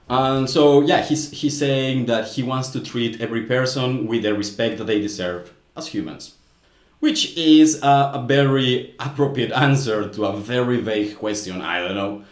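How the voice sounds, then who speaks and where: Man, mid-pitched, hesitant casual video commentary, echoey room tone. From Mexico. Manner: musing, hesitant, repeats words. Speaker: YouTube host. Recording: roomy echo.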